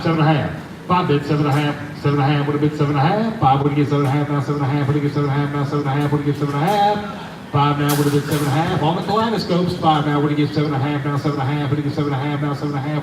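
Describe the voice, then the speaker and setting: A male auctioneer with a fairly high voice rattles off repeated bids quickly in a repetitive, sing-song chant. The live auction recording is roomy, distant and noisy.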